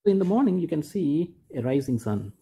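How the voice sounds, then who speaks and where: A man's voice: fairly high pitch, sing-song, fairly quick, vocal fry, dark tone, slightly rough. A man, teaching a school textbook lesson to children, repeating each point and rephrasing it patiently. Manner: points and demonstrates with "like this".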